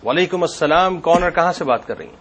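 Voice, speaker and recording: A man's voice: fairly high pitch, slight background noise. A man hosting a call-in religious talk show, asking callers short questions and answering them attentively. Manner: brief, attentive replies, steady questioning of callers.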